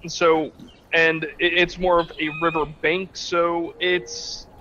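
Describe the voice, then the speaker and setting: A man's voice: fairly high pitch, monotone, takes it slowly, lo-fi sound, noisy background. A man acting as game master in a tabletop game, describing the scene in a rambling, hesitant way with many restarts.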